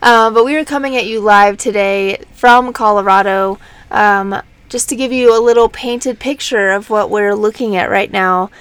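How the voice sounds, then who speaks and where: A woman's voice: medium pitch, moderate pace, fairly bright tone, clean tone, no room sound. A woman co-hosting a casual podcast from a van, chatting in a playful, teasing way with her partner. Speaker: podcast co-host. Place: parked van outdoors in the mountains.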